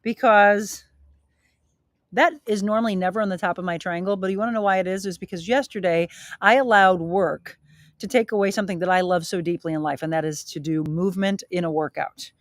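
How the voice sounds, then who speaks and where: A middle-aged woman coaching a live workout from outside her home, encouraging and energetic, a little out of breath as she exercises. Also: fairly low pitch, a little fast, no echo. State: slightly out of breath. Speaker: fitness and wellness coach hosting a live stream. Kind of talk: live-streamed workout and motivational talk. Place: outdoors at her home, by a grilling area.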